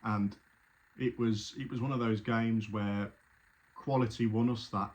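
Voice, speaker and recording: A man's voice: on the low side, steady tone, unhurried, a little mellow. Chatty man recalling a match trip. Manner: chatty, rambling, with frequent restarts. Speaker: football fan telling his story. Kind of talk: casual spoken recollection.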